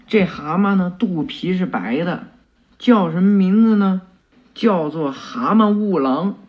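A man's voice: high-pitched, expressive, measured pace, lo-fi sound. A man casually retelling a cartoon episode, chatty, with many fillers and self-corrections. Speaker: storyteller retelling an anime episode. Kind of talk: casual oral retelling with acted voices.

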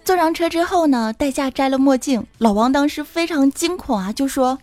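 A woman hosting a comic podcast, telling jokes and teasing her audience in a playful, animated way. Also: high-pitched, moderate pace. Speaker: podcast host. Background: background music.

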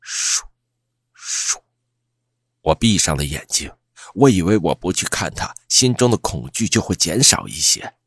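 Husky man telling a ghost story. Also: sits low, very animated, normal speed, a bit bright, no room sound, clean studio sound. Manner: suspenseful, dramatic storytelling. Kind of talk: first-person ghost story narration.

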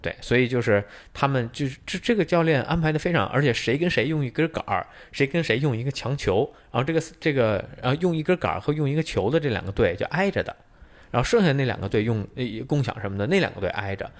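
A man's voice: mid-range voice, animated, fast talker. A man co-hosting a podcast, explaining things at length in casual chat, with many fillers. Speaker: podcast co-host.

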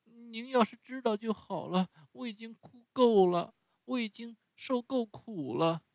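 A man's voice: medium pitch, lively intonation, no echo, close to an everyday voice. A man reading a storybook and voicing the wooden puppet boy Pinocchio, stammering and pleading through tears. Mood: tearful pleading. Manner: stammering, emotional, drawn-out cries.

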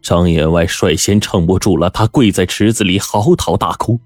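A man narrating a story in a dramatic, expressive way. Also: normal speed, no echo, clean studio sound, soft background music. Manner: expressive, swinging pitch for drama.

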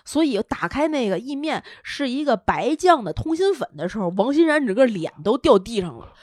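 A woman chats as a podcast co-host, spinning an animated story. Her voice sits fairly high and swoops widely in pitch, and the sound is close and dry. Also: brisk, no echo. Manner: animated, laughing storyteller acting out quotes. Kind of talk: casual storytelling chat.

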